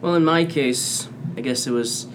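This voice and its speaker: A man's voice: medium pitch, normal speed, noisy background. A man, a medical fellow, talking casually on a podcast panel, thoughtful and hedging with "you know" and "like".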